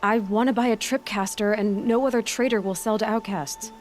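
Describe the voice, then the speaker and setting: A young adult actress voices a headstrong, curious outcast huntress in a video game cutscene, speaking directly, with questions and a slightly wry edge. Her medium-pitched voice is fairly even and fairly quick, close to everyday speech, with an earnest mood and soft music underneath.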